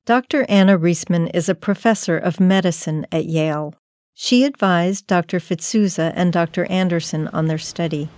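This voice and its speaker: Measured, mellow woman narrating a podcast. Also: lowish voice, no echo, studio quality. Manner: measured, reflective storytelling. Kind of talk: scripted narration.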